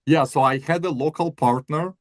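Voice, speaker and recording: A man's voice: a little high, moderate pace, dry recording. Man from Ukraine, dry close sound. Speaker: podcast guest, company CEO. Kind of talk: casual interview chat.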